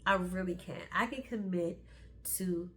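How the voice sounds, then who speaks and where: A woman's voice: fairly low pitch, slight background noise. A middle-aged woman hosting a motivational podcast, speaking candidly and encouraging her listeners. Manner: encouraging, candid, slow and emphatic. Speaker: podcast host.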